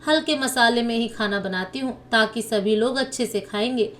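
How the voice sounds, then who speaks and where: A woman's voice: fairly high pitch, normal speed, a bit bright, lightly acted. A woman voicing a meek, hardworking young elder daughter-in-law who answers politely. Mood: dutiful. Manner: polite, submissive.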